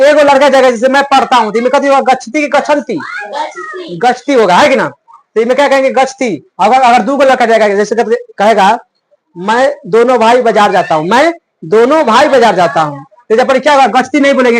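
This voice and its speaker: Rustic tutor drilling grammar. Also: male voice, very high voice. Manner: drills by repeating questions and answers to himself; plain, rustic village-style talk. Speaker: Sanskrit tutor. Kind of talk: classroom grammar lesson.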